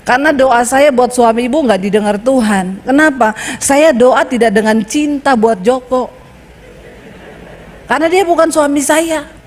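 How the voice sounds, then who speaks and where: A woman's voice: high voice, a little slow, big-room sound. A woman pastor preaching a sermon, telling stories with animation and acting out both sides of the conversations.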